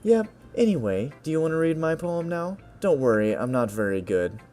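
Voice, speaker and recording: A man's voice: a little high, sing-song, moderate pace, warm tone, faint music behind, pitched above the performer's own voice. A man voicing a confident, friendly teenage girl club president who talks in a breezy, encouraging way. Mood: cheerful. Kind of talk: video game voice-over reading.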